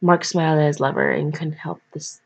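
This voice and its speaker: A woman with a low, steady, slightly rough voice reads fan fiction aloud briskly and casually, stumbling and interrupting herself with chatty, jokey asides. The lo-fi microphone sounds dull.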